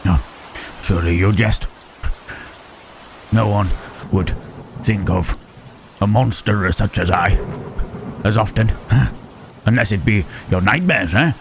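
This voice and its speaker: A man playing a lonely, humble, gentle-hearted monster in an intimate ASMR roleplay, speaking haltingly and repeating his words with murmured questioning tags. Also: fairly low pitch. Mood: humbled, disbelieving. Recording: rain and thunderstorm noise behind. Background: rain and thunder.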